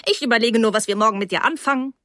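A woman voicing a brisk, sporty middle-aged wife who talks crisply and in a hurry, raising her voice above her usual one. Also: on the high side, fairly bright tone, no room sound, clean studio sound, voice pushed up, close to an everyday voice. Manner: crisp, hurried, briskly chatty.

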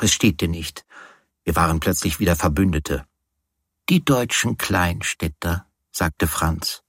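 A man narrating a novel in the first person, in a measured, understated way. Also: low voice, a bit bright, breathy edge, dry recording, studio quality. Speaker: audiobook narrator.

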